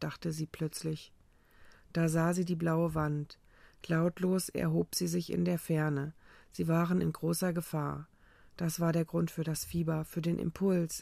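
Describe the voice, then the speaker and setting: A narrator reading a dramatic story aloud in a steady, even way. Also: mid-range voice, vocal fry, dry recording. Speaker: audiobook narrator. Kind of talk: scripted narration.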